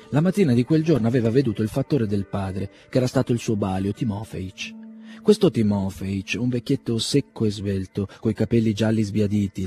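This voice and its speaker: A man narrates a classic novel in a steady, expressive storytelling manner. His voice is low and mellow, with a soft music bed faintly behind him. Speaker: audiobook narrator. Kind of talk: scripted literary narration.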